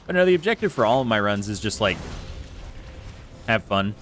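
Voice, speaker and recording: His pitch is fairly low and sing-song, a bit bright, moving at normal speed over faint background music. Streaming a game from his home room with an air conditioner, he talks into a close desk mic with a foam screen, chatty and self-deprecating, loaded with fillers.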